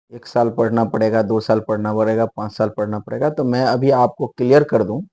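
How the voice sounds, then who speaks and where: A man's voice: medium pitch, dark tone. A man teaching spoken English in a casual, rambling lecture, explaining with frequent restarts and asides. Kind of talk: spoken English lesson in Hindi.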